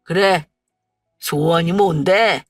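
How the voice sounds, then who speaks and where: A woman voicing a gruff old husband's ghost. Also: lowish voice, slow, no echo, clean studio sound. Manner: blustery then tender. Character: gruff, doting elderly husband's spirit. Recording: distant mic, faint music.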